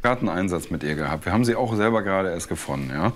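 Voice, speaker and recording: A man playing a calm, matter-of-fact police officer in a scripted reality TV show. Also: deep voice, rapid-fire, a little hiss or hum.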